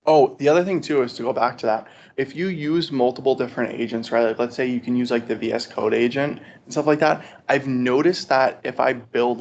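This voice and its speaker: A man with a medium-pitched, darkish voice walks a study group through technical material informally, frequently asking "right?" to keep them with him. The session is an in-person meetup joined by video conference, recorded in dull, lo-fi audio with noise behind it.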